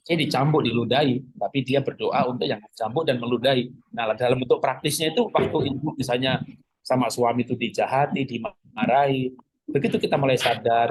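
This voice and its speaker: Husky male preacher, joking and conversational. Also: medium pitch, poor audio. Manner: conversational, joking, acts out quoted prayers and lines. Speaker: pastor. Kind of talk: sermon teaching.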